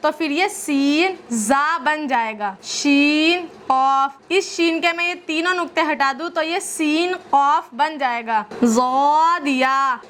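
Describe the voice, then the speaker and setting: A woman teaching Quran reading, naming each letter slowly and drawing its name out as she explains step by step. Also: high voice, pushed and bright, a little hiss or hum. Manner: slow, drawn-out letter names. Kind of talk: patient step-by-step lesson.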